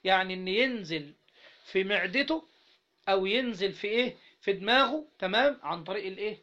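A man's voice: high-pitched, expressive, fairly quick, sharp tone. A man with an Egyptian accent teaching a classroom lesson on Islamic jurisprudence, reading a text aloud and explaining it, prompting his students with questions. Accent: Egyptian Arabic. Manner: keeps prompting students with questions, has them fill in words. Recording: dull lo-fi recording.

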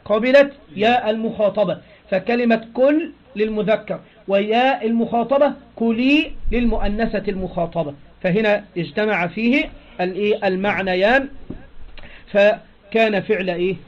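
A man with a high-pitched voice and an Egyptian Arabic accent teaches a grammar lesson. He explains step by step and keeps drawing answers from his listeners with prompting questions. The recording is dull and lo-fi. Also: normal speed.

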